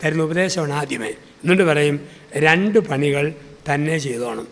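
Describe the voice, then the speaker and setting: Male priest, higher register, storytelling sermon with repetition, long hall reverb. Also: unhurried, gravelly, a bit bright. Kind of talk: sermon with humorous anecdotes.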